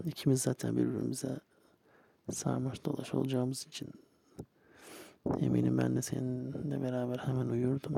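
A man speaking softly and tenderly, as if lulling a partner to sleep in an intimate bedtime roleplay. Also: medium pitch, vocal fry, slight background noise. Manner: soft, slow, tender, murmuring to a partner.

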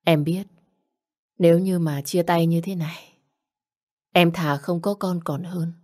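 A woman plays a frightened young wife in an audio story, pleading and apologetic. Her voice is lowish for a woman. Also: steady tone, unhurried, darkish tone.

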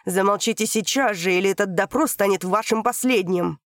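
A woman reading an audiobook, voicing a stern middle-aged male prosecutor who talks in low, clipped commands. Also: normal speed, gravelly, a little mellow, dry recording, clean studio sound.

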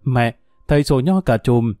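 A man voicing a bitter, drunk older woman who curses men in a coarse, slow, drawling grumble. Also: medium pitch, lively intonation, warm tone, no echo, clean studio sound, soft background music, lightly acted. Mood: boastful.

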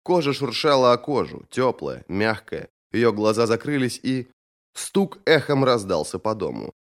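A male audiobook narrator with a mid-pitched voice. His delivery is dramatic and animated, with pitch swinging widely from line to line. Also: a little slow. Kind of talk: expressive scripted narration.

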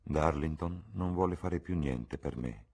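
Man reading a detached young addict: very deep, husky, audiobook reading. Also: a little slow, full character voice. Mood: listless. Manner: absent, flat and detached. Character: weary young man, drug addict, listless.

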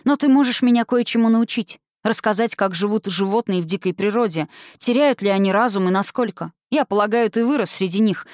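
Woman as a cold, quiet witch. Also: mid-range voice, brisk, hardly any pauses, no echo, studio quality, natural voice. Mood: calculating. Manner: quiet, even and imperious. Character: cold, commanding middle-aged witch.

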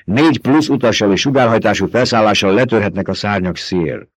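A man's voice: fairly low pitch, husky, no echo. A man voicing a blunt, loyal soldier. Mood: questioning.

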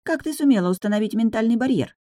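A woman's voice: a little high, lively intonation, quick pace, dark tone, dry recording, voice pushed up, lightly acted. A woman voicing a small sardonic male dragon familiar who teases and lectures. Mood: lecturing. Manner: teasing, dry, lecturing. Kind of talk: audiobook narration.

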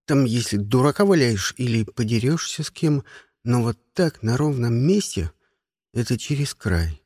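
A man reading a first-person story aloud in an expressive, lively way. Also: mid-range voice, moderate pace, slightly rough, dry recording, studio quality. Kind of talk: audiobook narration, first person.

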